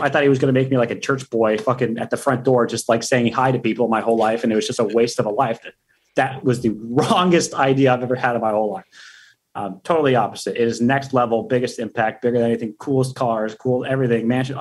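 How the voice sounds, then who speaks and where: A man with a husky, breathy voice talks fast and loose as a podcast guest. His delivery is energetic and full of swearing and big hype. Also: mid-range voice. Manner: energetic, profane, hype-driven. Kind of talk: casual interview talk.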